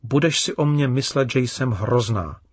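A man voicing an upset young girl in a children's story, read with gentle emphasis. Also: medium pitch, husky, dry recording, lightly acted.

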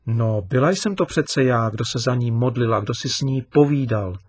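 A man's voice: medium pitch, no room sound, studio quality, far from the mic, close to an everyday voice. A man voicing an upset young girl. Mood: aggrieved. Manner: raised, emphatic and complaining.

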